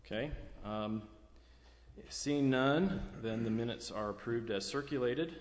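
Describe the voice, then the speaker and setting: An American man chairing a formal public meeting in a measured, procedural way. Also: medium pitch. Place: large echoey indoor meeting room. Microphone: meeting microphone. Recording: echoey meeting room, clear background noise.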